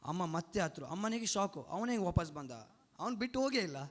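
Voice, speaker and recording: Fast-talking young man in an echoing hall. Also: high-pitched, animated. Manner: earnest, emotional storytelling with restarts. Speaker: testimony speaker at a church retreat. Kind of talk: personal testimony. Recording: long hall reverb.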